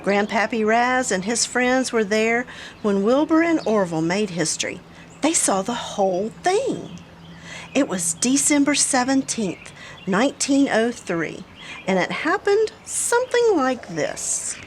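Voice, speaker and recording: A woman's voice: a little high, big pitch swings, measured pace, a little hiss or hum, voice pushed up. A woman voicing Taz, a boastful old male creature who tells a folksy story.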